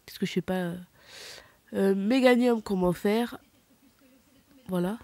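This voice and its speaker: A woman chats casually to her viewers about her game collection, stumbling over names and correcting herself often. Her pitch sits in a middle range. The recording is dry, with no room sound. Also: measured pace, dark tone, no room sound. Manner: rambling, hesitant, many fillers and self-corrections. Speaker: gaming vlogger.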